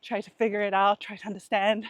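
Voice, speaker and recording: A woman talking candidly and reflectively to her vlog while out running, in a halting, casual way with pauses. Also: mid-range voice, level tone, dry recording. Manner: candid, introspective. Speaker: vlogger.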